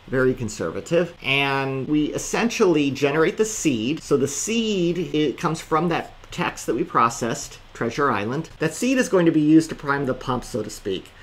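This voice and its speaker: A man's voice: fairly high pitch, lively intonation, normal speed, hardly any pauses. A man teaching a course, walking through code step by step in a screencast lecture with dry asides. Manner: methodical step-by-step walkthrough. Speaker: course instructor.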